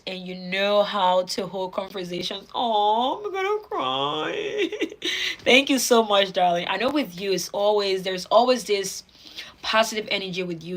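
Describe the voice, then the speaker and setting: A woman's voice: mid-range voice, a bit bright, rough recording. A young woman hosting a casual livestream, reading out viewer comments in a bubbly way, laughing often and repeating words for emphasis. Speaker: livestream host.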